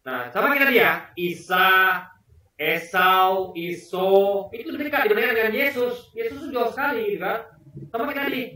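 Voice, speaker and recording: A man's voice: high-pitched, bright, forceful tone, heavy reverb, distant mic. A man talking casually as a video commentator, rambling and repeating words while he searches for examples. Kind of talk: casual commentary on a debate clip.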